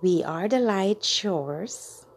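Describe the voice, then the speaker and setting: Very slow, whispery woman meditation guide. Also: medium pitch, lively intonation, slight background noise. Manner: slow, soothing, drawn-out delivery with breathy whispered endings.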